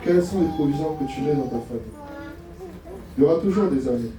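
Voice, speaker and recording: A man's voice: on the high side, expressive, fast, noisy background. A middle-aged man from France preaching a sermon as pastor, humorous and full of rhetorical questions. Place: church hall. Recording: very echoey hall, voice from far off.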